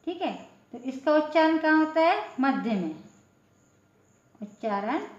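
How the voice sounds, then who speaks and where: A high-pitched woman teaches at an unhurried pace, asking her class a question and then answering it, repeating each word. The recording sounds dull and lo-fi, with a noticeable echo of the room. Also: animated. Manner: slow, repetitive, asks questions then answers them. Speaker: Hindi teacher. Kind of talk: classroom-style lesson explaining letters.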